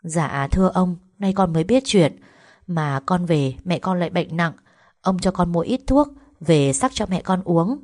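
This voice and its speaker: Earnest young village girl, polite, a bit higher than the narration; woman reads her. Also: lively intonation, measured pace, darkish tone. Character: 18-year-old village girl, devoted, determined daughter.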